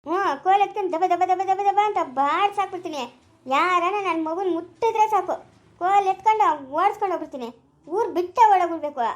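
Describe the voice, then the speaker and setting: A woman's voice: very high voice, quick pace. A woman with a rural Chikkaballapura Kannada accent, playing a blunt, fiercely protective village mother in a family skit. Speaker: amateur family skit actor.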